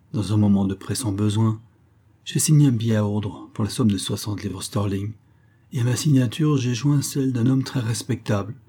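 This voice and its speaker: A man's voice: on the low side, mellow, breathy edge. A man reading aloud and voicing a cheerful, scheming male rogue in a mocking, wheedling manner.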